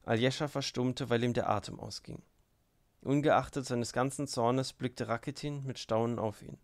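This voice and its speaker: A man narrating a classic novel in a measured, even audiobook reading. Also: medium pitch. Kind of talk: scripted literary narration.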